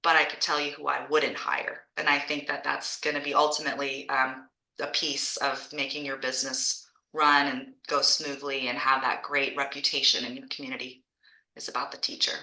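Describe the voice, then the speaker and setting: A woman's voice: rumbling low, flat delivery, moderate pace, bright, forceful tone, reverberant, poor audio. A woman who founded an art school franchise and teaches art, presenting on a video call in a chatty, enthusiastic way and often restarting her phrases.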